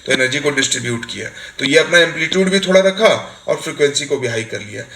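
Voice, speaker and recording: A man's voice: medium pitch, expressive, fast talker, gravelly, sharp tone. A man teaching a recorded exam-coaching lecture, explaining with everyday examples and often checking that students follow. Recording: echoey room, faint hiss.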